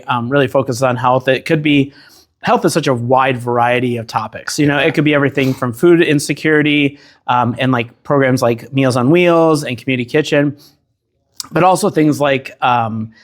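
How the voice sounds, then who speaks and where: A man hosting a casual interview, asking rambling, conversational questions and often chiming in to agree. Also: medium pitch. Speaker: interview host.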